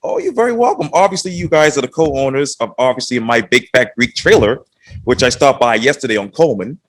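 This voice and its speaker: A man's voice: medium pitch, fairly quick. A man hosting a local video interview show, introducing guests and asking questions in an upbeat way. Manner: upbeat, lively intro delivery.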